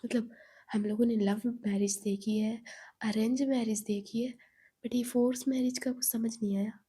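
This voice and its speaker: A woman's voice: fairly high pitch, fairly even intonation, a little slow, warm tone, husky. A woman voicing a bold, blunt young woman friend who teases and scolds in a storytelling role voice. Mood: indignant. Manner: teasing, blunt, indignant.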